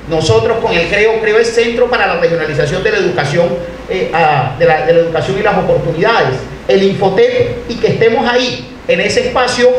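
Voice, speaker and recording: A middle-aged man with a Colombian Caribbean Spanish accent, giving a formal public speech at a podium. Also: sits high. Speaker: university official giving a speech. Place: indoor hall, at a podium. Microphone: podium microphones, heard from a distant camera. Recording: echoey hall, distant mic, faint noise.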